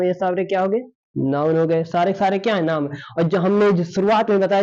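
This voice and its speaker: High-voiced teacher, dull recording. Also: male voice, darkish tone. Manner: repetitive, asks rhetorical questions and answers them himself. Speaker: English grammar teacher. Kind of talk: classroom lesson explaining. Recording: dull lo-fi sound.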